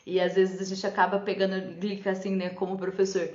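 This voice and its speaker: A woman's voice: medium pitch, completely flat delivery, a little fast, darkish tone. A woman teacher giving a casual live talk on teaching for parents and teachers, chatty and often checking in with "né?". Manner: chatty, often adds "né?" and laughs. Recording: echoey room, slightly dull lo-fi sound.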